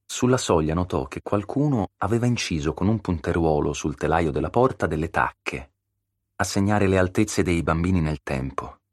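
A man narrating a novel as an audiobook, in a measured, steady storytelling manner, close to a studio mic. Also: extremely low pitch, no echo. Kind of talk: scripted narration.

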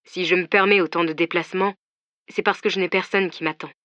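A woman voicing a tender, confident man who courts his partner by phone, hushed and soft in an audiobook reading. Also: fairly low pitch, steady tone, a little fast, dry recording, natural voice.

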